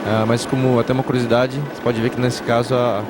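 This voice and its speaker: A man's voice: medium pitch, flat delivery, fast. A Brazilian man giving live motorsport commentary as an analyst, explaining strategy in a conversational way. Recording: loud engine and track noise. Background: race cars and track ambience.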